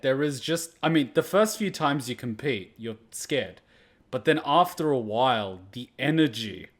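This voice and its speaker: A man giving casual reaction commentary over a video game, excitable and rambling, with a dramatic streak. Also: mid-range voice. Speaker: gaming reactor.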